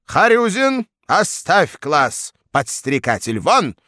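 A man's voice: on the high side, big pitch swings, sharp tone, dry recording, studio quality, voice pushed up, full character voice. Guy doing a blustery pompous professor, lots of uhs, swoopy and bossy. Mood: angry. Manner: hemming with drawn-out "uh" fillers, bossy. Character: pompous blustering male lecturer, middle-aged.

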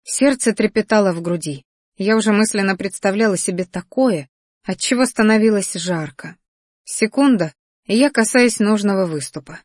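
A woman reads a first-person fantasy story aloud in a calm, even manner, at a mid-range pitch. The voice sits close and dry, with no room around it. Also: moderate pace, dry recording. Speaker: audiobook narrator.

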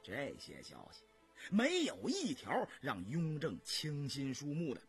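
A man narrating a historical novel in a measured, vividly expressive storytelling style. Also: fairly high pitch, husky, faint music behind.

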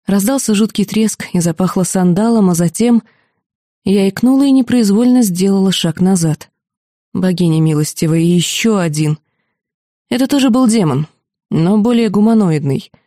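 A woman narrating an audiobook in a lively, expressive first-person reading. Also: mid-range voice, no echo, studio quality. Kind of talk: scripted narration.

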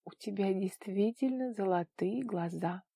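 A kind, plump older mother in a storybook, soft and doting, as a woman narrator reads her. Her voice lifts slightly higher and gentle. Close, dry sound. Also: normal speed, dry recording, close to an everyday voice. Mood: tender.

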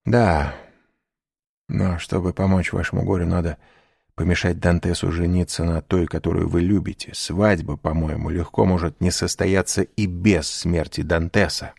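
A man's voice: low voice, fairly even intonation, normal speed, creaky, darkish tone, husky, dry recording, clean studio sound, exaggerated voice. A man voicing a cunning, envious schemer who talks in a cool, ironic and needling way. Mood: persuasive, scheming.

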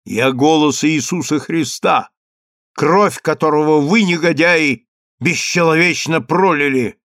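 A man voicing a stern, commanding man who speaks firmly and loudly. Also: on the high side, lively intonation, measured pace, no room sound, studio quality, voice pushed up. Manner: firm and loud. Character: stern, commanding man confronting his accusers.

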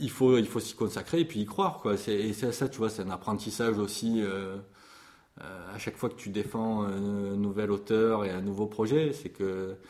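This interview features a man in his forties, a music publisher, speaking passionately about his work while frequently restarting and using fillers. His voice is fairly low and a bit mellow.

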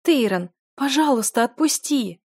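A woman's voice: high-pitched, animated, measured pace, slightly rough, no room sound, clean studio sound, pitched above the performer's own voice, exaggerated voice. Woman doing a distraught young noblewoman. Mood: pleading. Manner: shouting, pleading. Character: furious, tearful young noblewoman, a duke's daughter.

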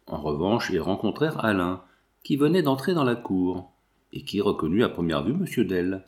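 A man's voice: sits low, sing-song, normal speed, darkish tone. A man narrating a classic French novel as an audiobook reader. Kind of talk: scripted narration.

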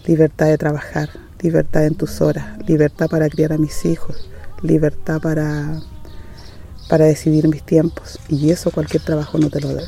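Dark-voiced woman in her sixties. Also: deep voice, level tone, normal speed, vocal fry. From Valle de Azapa, northern Chile. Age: 60s. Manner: earnest and determined, with frequent hesitant restarts. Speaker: rural farmer and community leader. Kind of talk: casual testimony.

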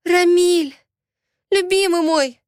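Woman voicing a distraught young wife in a storybook, high and impassioned, dry close sound. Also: measured pace, no echo. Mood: desperate. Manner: high, loud, impassioned cries. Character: young wife, desperate, pleading and sobbing.

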